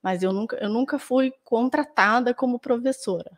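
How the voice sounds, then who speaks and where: A woman's voice: fairly high pitch, moderate pace. A woman dentist and author answering interview questions, thoughtful and full of restarts and tag questions, with a Brazilian accent. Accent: Brazilian Portuguese.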